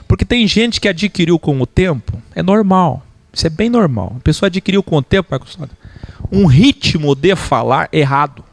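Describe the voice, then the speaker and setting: A man from Brazil teaching church teachers how to speak, lecturing in an animated way and mimicking preaching voices. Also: fairly high pitch, normal speed, creaky, no echo.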